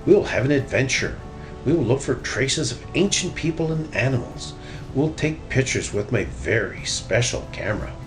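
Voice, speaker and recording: A man voicing a boastful, excitable cartoon duck adventurer from a storybook, in an exclamatory way. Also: mid-range voice, normal speed, over music, close to an everyday voice. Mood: eager. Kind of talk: storybook character reading.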